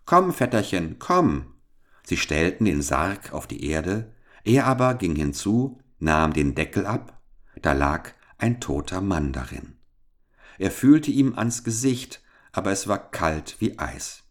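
A man reading a fairy tale aloud for children. His voice is very deep and his pace unhurried. He tells the story in a calm, measured way.

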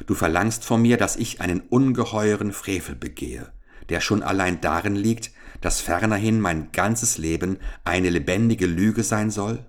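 A man voices a bold young male hero in an old storybook, firm and earnest. His voice is deep and steady. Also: measured pace, lightly acted. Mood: defiant. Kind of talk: audiobook character reading.

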